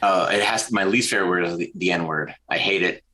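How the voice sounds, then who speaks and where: A Southern creative director, appearing as a podcast guest, talks quickly in a low-pitched voice. He's a lively storyteller who performs the voices of anyone he quotes during the relaxed conversation, all captured on a rough recording.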